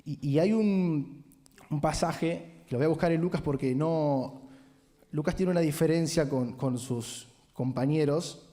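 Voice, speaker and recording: A man's voice: on the high side, unhurried. A man with a Rioplatense Spanish accent preaching a sermon and telling the story with animation, often asking rhetorical questions. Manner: animated storytelling, acts out quotes, frequent rhetorical "¿no?". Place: large church sanctuary. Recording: long hall reverb in church.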